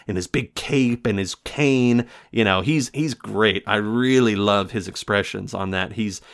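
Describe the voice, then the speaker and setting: A man talks through an old film in a casual, rambling review. His voice sits a little low. He stumbles, corrects himself and laughs between thoughts. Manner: rambling, lots of fillers and self-corrections, laughs often.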